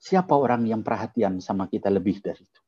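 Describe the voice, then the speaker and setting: A man's voice: on the low side, lively intonation, quick pace, breathy edge, no room sound, muffled recording. A male preacher giving a storytelling sermon in a mosque and addressing his listeners as his children.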